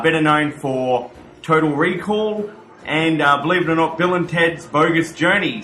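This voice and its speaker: A man presents a horror podcast as its commentator, with horror-host flourishes. His voice is bright and forceful at a medium pitch. The room echoes and music plays faintly behind him.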